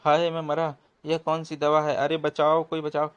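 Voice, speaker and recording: A man voicing a greedy young swindler who whines and yells for help in a comic storybook. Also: medium pitch, fairly even intonation, normal speed, no room sound, highs cut off, lightly acted. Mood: panicked. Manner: whining, yelling for help. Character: greedy young male swindler, whiny coward.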